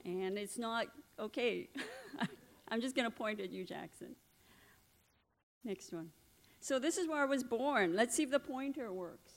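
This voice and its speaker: In a church hall, a middle-aged woman from Trinidad and Tobago earnestly shares her personal testimony with slides. Her voice is fairly high and her delivery unhurried.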